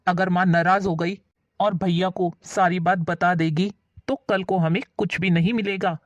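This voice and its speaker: A woman's voice: lowish voice, steady tone, moderate pace, dry recording, dull audio, close to an everyday voice. A woman voicing a selfish younger son who talks in a placating, calculating way.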